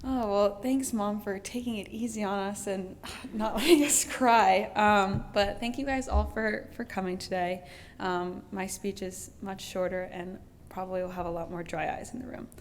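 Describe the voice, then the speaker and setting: A young woman gives a short speech at a graduation. She speaks lightly and uses a few "um"s along the way. Her voice carries a long reverb from the hall, with faint noise and a low rumble behind it. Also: fairly even intonation, moderate pace. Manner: light, with filler "um"s. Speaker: graduate's sister giving a speech. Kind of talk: prepared family speech at a graduation. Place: event hall.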